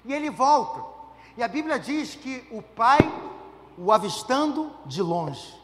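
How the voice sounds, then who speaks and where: High-voiced pastor preaching. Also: male voice, very animated, unhurried, fairly bright tone, big-room sound, a little hiss or hum. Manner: conversational preaching with rhetorical questions and humor. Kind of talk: sermon. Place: church.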